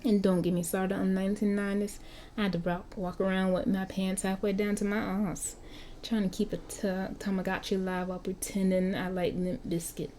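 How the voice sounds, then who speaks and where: A woman's voice: medium pitch, level tone, moderate pace, mellow, slight background noise, lightly acted. A woman with a Southern US accent voicing a cocky, slangy vampire who has been stuck looking nineteen for over a century, while reading an interactive story aloud. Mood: flippant. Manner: chatty, flippant, slangy. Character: cocky young-looking vampire, century-old street kid.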